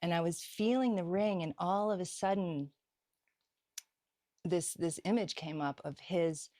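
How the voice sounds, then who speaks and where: A woman's voice: fairly low pitch, measured pace, no room sound, studio quality. A middle-aged woman, a healer and psychic medium, telling a story in a casual interview, laughing often and acting out the dialogue. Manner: animated, laughs often, acts out quoted dialogue.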